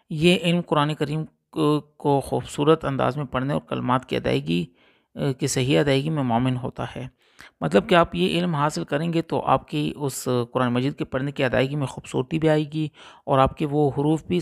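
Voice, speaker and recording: Male religious teacher, slightly high gravelly voice, patient explanatory recitation lesson that repeats letters slowly. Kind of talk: Urdu Quran recitation lesson.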